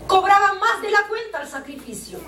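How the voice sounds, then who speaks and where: A woman's voice: extremely high pitch, very animated, moderate pace, bright, forceful tone, a little hiss or hum. A woman preacher giving an impassioned sermon, often calling out to her listeners as brothers. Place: church hall. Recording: echoey church from far off, faint ambience.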